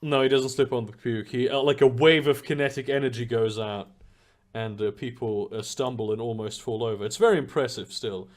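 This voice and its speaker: A man's voice: medium pitch, steady tone, fairly quick. A man acting as game master, improvising narration and dialogue for a tabletop role-playing game.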